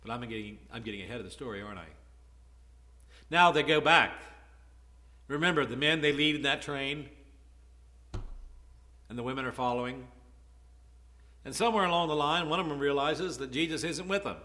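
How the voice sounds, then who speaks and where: Bright-voiced man preaching a story sermon. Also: mid-range voice, normal speed, pauses often. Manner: conversational storytelling, swinging from soft asides to loud emphasis. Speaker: pastor.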